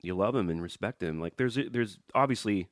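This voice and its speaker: A man's voice: on the low side, fairly quick, no room sound, clean studio sound. A man co-hosting a podcast, blunt and opinionated, swearing freely in casual chat. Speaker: podcast co-host.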